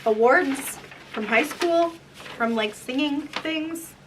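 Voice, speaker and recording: She's a vlogger in her twenties with a high voice and a slow pace, chatting casually while reading her old diary entries out loud. She sounds embarrassed and mocks herself, and a distant mic catches room noise.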